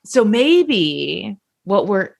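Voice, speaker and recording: A woman's voice: medium pitch, very animated, drawn-out words, vocal fry, darkish tone, no echo, clean studio sound. A woman co-hosting a podcast, explaining ideas in casual chat and thinking aloud with restarts. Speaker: podcast co-host.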